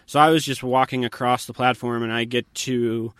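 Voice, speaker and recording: Relaxed man telling a story. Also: mid-range voice, moderate pace, clear, resonant tone, no room sound. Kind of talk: casual conversation, storytelling.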